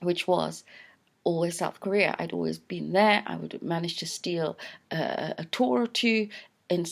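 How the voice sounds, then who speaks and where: Her voice is fairly low and creaky, her pace measured: a woman from London in her fifties who runs the channel, recording a casual vlog on a camera tight on her mouth. She comes across as reflective and unsure, restarting often and leaning on fillers.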